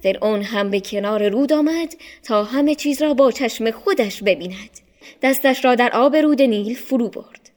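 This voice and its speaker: Expressive woman narrating a storybook. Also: on the high side.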